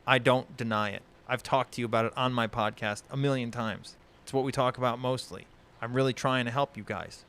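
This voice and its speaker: A man's voice: mid-range voice, steady tone, fairly quick, a bit bright, clear, resonant tone. A man who hosts a podcast, talking in a casual discussion stream, heated and exasperated, swearing often and rambling with many restarts. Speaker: podcast host.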